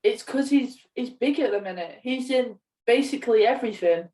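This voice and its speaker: Animated and a little high-pitched yet dark in tone, a woman keeps a moderate pace while co-hosting a relaxed podcast on movies and games. The room is echoey and she's far from the microphone.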